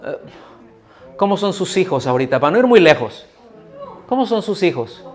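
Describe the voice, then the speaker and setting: A middle-aged pastor with a somewhat high voice. He preaches in a chatty way, checks in with his listeners, and slips into the voices of the people he quotes. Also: very animated, normal speed. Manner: conversational preaching, asks the audience questions, acts out quoted voices. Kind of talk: sermon. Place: church hall.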